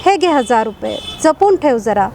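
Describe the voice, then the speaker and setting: A kind older woman who looks after her maid, speaking in a reassuring way, as a woman storyteller puts her on. The voice stays high and close to the narrator's own. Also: very animated, normal speed, a little mellow, a little hiss or hum. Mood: caring.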